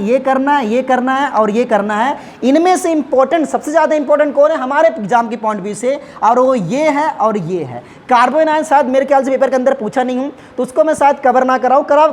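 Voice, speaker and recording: High-voiced man teaching chemistry. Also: slight background noise. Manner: explains step by step and calls students "beta". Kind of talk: classroom lecture at a board.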